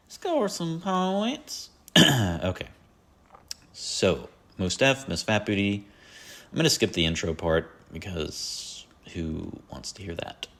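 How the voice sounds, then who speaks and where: On his solo podcast, a man meanders through talk of the albums he loves, full of filler words and jokes at his own expense. His voice is lowish with a fairly bright tone.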